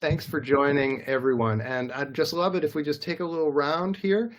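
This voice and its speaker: A man's voice: a little high, fairly even intonation, moderate pace. A man hosting a live interview over a video call, upbeat and chatty with a self-deprecating manner. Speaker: host.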